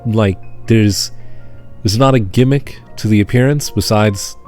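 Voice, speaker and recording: Male game master, lowish voice, deadpan, drawn-out emphasis, faint music behind. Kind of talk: narrating a tabletop game.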